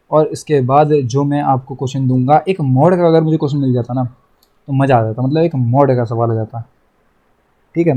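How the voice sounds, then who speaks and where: A man's voice: mid-range voice, warm tone. A young man teaching a math lesson online, chatty, repeating himself and teasing his students.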